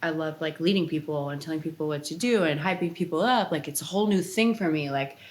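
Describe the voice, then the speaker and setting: A Los Angeles dancer in her thirties, guesting on a casual podcast, chats and rambles with lots of "like" fillers. Her voice is low-pitched and she talks fast.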